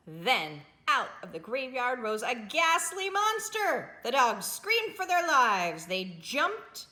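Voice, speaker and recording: With a high, pushed and bright voice, a woman reads a children's picture book as a library storytime host. She reads dramatically and turns to the young listeners with friendly asides, all captured in a roomy, echoing room.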